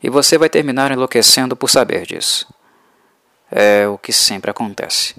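A man voicing a pale, ageless male vampire who speaks slowly and softly with quiet mockery. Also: medium pitch, gravelly, dry recording. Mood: cold, mocking. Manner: slow, soft, mocking.

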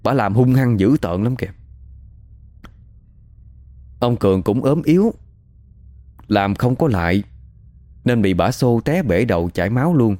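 A man's voice: medium pitch, animated, a little slow, long pauses, dark tone, dry recording. A man telling a story in a chatty, matter-of-fact way. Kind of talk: casual spoken storytelling.

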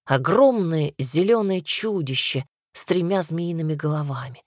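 A woman tells a fairy tale aloud in a low voice. Her reading is steady and expressive. The sound is close and dry. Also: moderate pace, no echo. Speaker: storyteller.

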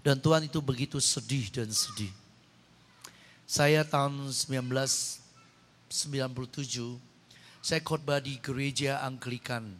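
A man preaching a sermon, telling stories animatedly with sudden high-pitched exclamations into a handheld microphone. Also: fairly even intonation, a little slow, long pauses, fairly bright tone, slight background noise. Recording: long hall reverb.

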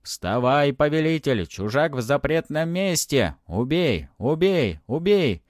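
A man voicing a chorus of bloodthirsty cursed spirits, shouting in a frenzy in a storybook reading. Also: on the high side, sing-song, slow pace, no room sound, studio quality, voice pushed up. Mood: frenzied shouting.

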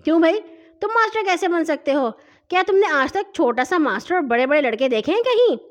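Woman doing a loud bossy bully boy. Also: high-pitched, animated, voice pushed up. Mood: scolding. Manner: loud, scolding, quick. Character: bossy, rough bully boy who hits and scolds.

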